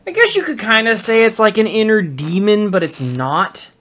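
A woman commentating casually over a video game she is playing, reacting out loud, laughing and swearing freely. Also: mid-range voice, expressive, normal speed. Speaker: let's play gamer.

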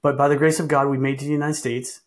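A man in his fifties from Vietnam, a guest answering interview questions in a soft-spoken, earnest way over a video call. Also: mid-range voice, flat delivery, rapid-fire. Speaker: political candidate guest.

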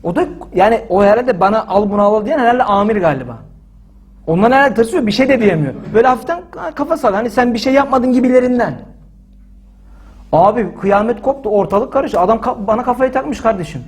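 Fast, husky high-voiced man. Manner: animated, acts out quoted dialogue with frequent "dedim"; indignant and emphatic. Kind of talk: casual spoken storytelling.

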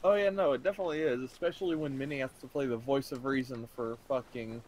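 A young man chatting casually with a friend over a game, relaxed and swearing freely. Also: mid-range voice, fast, slight background noise, rough recording. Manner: laid-back, swears freely. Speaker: co-player, friend. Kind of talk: casual chat while gaming.

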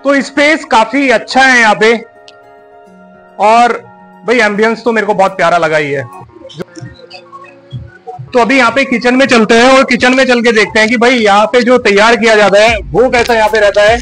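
With music running under the location audio, a male food vlogger hosts from a busy restaurant and its kitchen in an eager, repetitive style. His very high-pitched, fairly bright voice moves at normal speed with long pauses, and the recording is rough.

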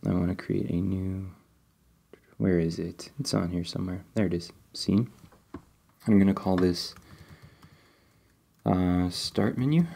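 A man with a low-pitched voice and vocal fry walks through a screen-recorded game-development coding tutorial step by step. He's relaxed, thinks aloud with fillers, and is still a bit sniffly as he gets over a cold.

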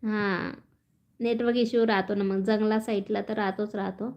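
A woman's voice: medium pitch, fairly even intonation, moderate pace, dull audio. A woman chatting casually on a phone live stream, reading out viewer comments and laughing often. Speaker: vlogger reading live chat.

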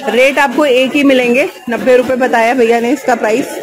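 A chatty woman with a high voice films herself strolling through a crowded outdoor street market on a handheld phone. She keeps asking sellers for prices and repeats them to her viewers in a casual, friendly vlog manner. Heavy crowd chatter surrounds her. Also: fairly even intonation, normal speed. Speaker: market vlogger. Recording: loud crowd noise outdoors.

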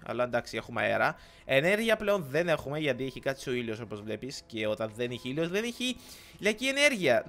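A young Cypriot gaming YouTuber with a mid-range voice rambles excitedly through casual let's-play commentary. His Cypriot Greek accent is clear, and English words keep slipping into his speech.

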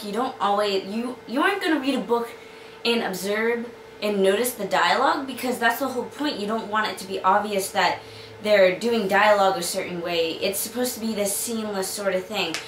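A woman's voice: on the high side, a bit bright, slight background noise. A young woman with a slight Boston accent, an author giving chatty, upbeat writing tips with lots of fillers. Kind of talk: casual tutorial talk to camera. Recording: echoey room, mic at a distance.

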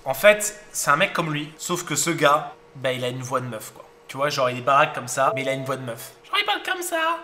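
A poker streamer commentating his hands and telling a joke, excitable and playful. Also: medium pitch, fairly quick, slight background noise.

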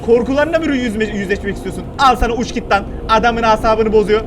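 A man doing horror game commentary, joking and shouting in panic at the characters on screen. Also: sits high, fast talker, background noise. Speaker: gaming YouTuber. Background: game music.

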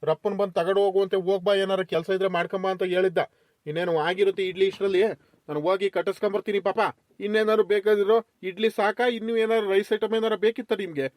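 A man's voice: high voice, fairly even intonation, darkish tone, dry recording, natural voice. A man voicing an elderly village farmer in a comedy cartoon, talking in a rural southern Karnataka Kannada accent and fussing to hurry his workers. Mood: chatty. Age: older. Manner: fast, fussing and peacemaking. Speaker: farm owner.

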